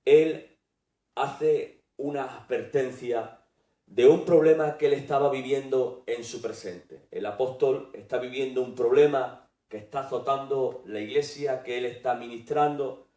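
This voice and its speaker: A man preaching a Bible teaching sermon, speaking deliberately and reading scripture aloud with emphasis. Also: medium pitch, fairly even intonation, mellow. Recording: echoey room, far from the mic.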